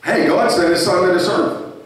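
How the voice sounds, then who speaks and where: A man's voice: high voice, steady tone, moderate pace. A male pastor preaching a sermon with rising fervor and reading scripture aloud. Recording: echoey church hall from far off.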